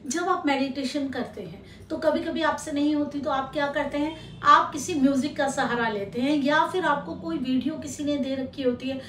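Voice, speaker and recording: High-voiced woman giving spiritual advice. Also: moderate pace, few pauses, recorded from a distance, slight background noise. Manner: calm, advising, addresses the listener directly. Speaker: spiritual teacher and healer. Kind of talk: instructional talk to camera. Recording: echoey room, voice a little off-mic.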